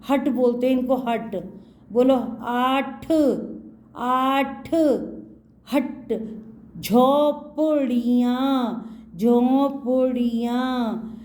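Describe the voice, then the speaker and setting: A woman's voice: on the high side, mellow. A woman teaching Hindi to young children, patiently repeating words for them to echo and mixing in English words.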